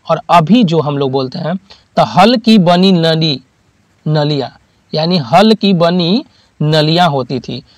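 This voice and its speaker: A man teaches in a high, clear voice, and the recording is close and dry. He keeps asking listeners questions and then answers them himself. He repeats each key term, and his examples come from daily life. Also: expressive, slow pace, dry recording. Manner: uses homely examples, repeats key terms. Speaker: exam-prep teacher. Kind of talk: classroom lecture.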